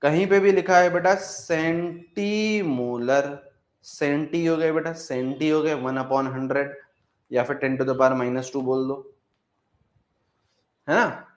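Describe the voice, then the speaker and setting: A man's voice: a little high, steady tone, takes it slowly, pauses often, echoey room. A man teaching chemistry in a classroom lecture, repeating himself and coaxing students, calling them "beta".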